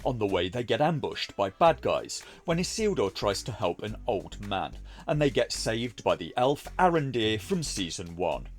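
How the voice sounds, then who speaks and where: A man narrates a scripted review as a mocking critic. His pitch swings in a very animated way from phrase to phrase, with faint music underneath. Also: moderate pace, hardly any pauses. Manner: mocking, sarcastic. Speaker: video reviewer.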